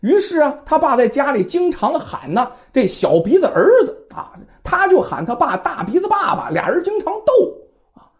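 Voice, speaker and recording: Animated woman storyteller, lo-fi sound. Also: high-pitched, normal speed. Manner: animated, chatty asides to listeners. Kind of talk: oral storytelling narration. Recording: dull lo-fi recording.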